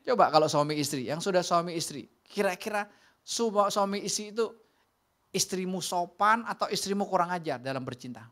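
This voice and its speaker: Animated preacher. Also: male voice, high voice, a little fast. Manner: animated preaching, swinging from loud calls to soft near-whispers. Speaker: pastor. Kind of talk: sermon. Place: church sanctuary.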